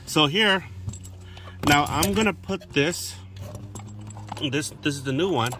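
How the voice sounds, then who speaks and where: Outdoors by a parked car, moving in and out of it, a man demonstrates his DIY radio hobby in relaxed, hands-on narration. His pitch is on the high side, and he speaks plainly in slow, halting bits while working, filming one-handed on a phone amid faint background noise.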